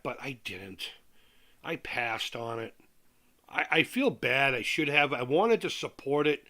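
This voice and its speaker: Male streamer, forceful bright tone, toothless lips-over-teeth speech, casual, candid, repetitive chat. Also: on the high side. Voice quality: speaks over missing top teeth, slightly lisped, lips-over-teeth diction. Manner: rambling, candid, repeats himself. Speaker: livestream host.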